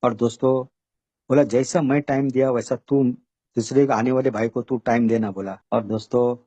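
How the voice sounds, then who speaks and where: A man's voice: mid-range voice, steady tone, moderate pace, warm tone, no room sound. A man sharing his recovery story at an online meeting. He talks in a rambling way and keeps repeating "bola" and "doston". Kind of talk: personal recovery testimony.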